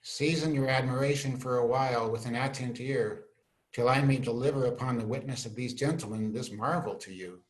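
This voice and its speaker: Playing the prince's loyal friend, an earnest young scholar, an amateur actor reads Shakespearean verse in a natural mid-range voice, grave and narrating, measured and respectful as in a staged reading. He's indoors on a video call, and the recording is low quality.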